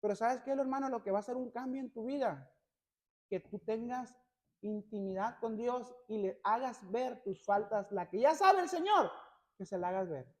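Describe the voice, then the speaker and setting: A male pastor preaching a sermon, constantly addressing the congregation as brothers and building to loud, emphatic passages. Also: extremely high pitch, normal speed. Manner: peppers every phrase with "hermanos".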